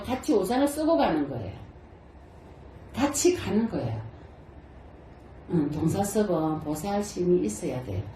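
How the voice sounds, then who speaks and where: An older woman, a Buddhist nun and temple abbot, gives a lively dharma talk and keeps asking her listeners questions. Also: fairly low pitch, a little hiss or hum. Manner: lively, asks the audience many rhetorical questions. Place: temple hall. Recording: roomy echo.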